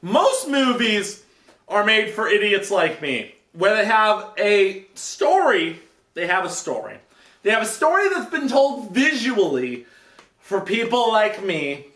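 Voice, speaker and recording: A man's voice: high voice, sing-song, takes it slowly, fairly bright tone. A man giving a rambling, comedic film review to camera, sounding drunk and repeating himself. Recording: echoey room.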